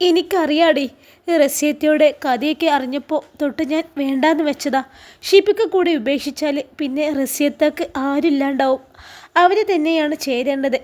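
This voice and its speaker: A woman's voice: high-pitched, moderate pace, a little mellow, close to an everyday voice. A woman voicing a heartbroken young girl. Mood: sorrowful. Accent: Malabar Malayalam. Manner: sad, pleading, trembling lips.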